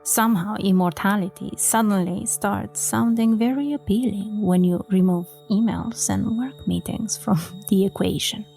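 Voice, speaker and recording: A woman from Romania hosting a book-talk podcast, speaking softly and sometimes dropping to a whisper. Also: medium pitch, normal speed, vocal fry, few pauses, soft background music. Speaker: podcast host.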